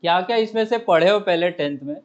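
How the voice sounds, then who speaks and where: A man's voice: high voice, quick pace, highs cut off. A man teaching a physics class, asking his students questions, answering them himself and often checking whether they follow. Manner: coaxing, repeatedly checks understanding. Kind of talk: classroom lecture.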